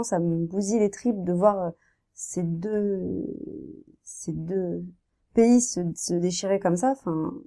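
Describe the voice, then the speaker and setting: A woman in her thirties, a painter, talking casually in an interview, soft-spoken and hesitant with many fillers and restarts. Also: medium pitch. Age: 30s.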